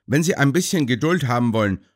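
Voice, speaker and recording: A man's voice: mid-range voice, lively intonation, fast, lightly acted. A flustered hotel servant hurries to reassure an angry guest, as a male narrator voices him. He sounds eager to please.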